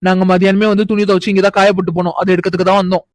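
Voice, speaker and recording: A woman's voice: medium pitch, level tone, racing, dry recording, studio quality, natural voice. A woman voicing a scolding middle-aged village aunt in a cartoon, bossy and blunt. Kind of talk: cartoon voice acting.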